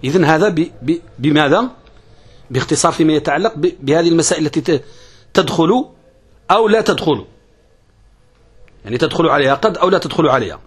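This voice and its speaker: A man's voice: on the high side, lively intonation, husky. A man teaching a classical grammar lesson, asking questions and answering them himself, repeating key phrases. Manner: uneven pace, stretching some words and rushing others.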